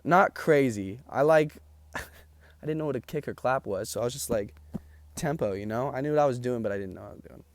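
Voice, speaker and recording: Talking casually to the camera, this young male vlogger sounds tired and is losing his voice, his gravelly mid-range speech running a little fast with no echo. He rambles, full of ums and likes.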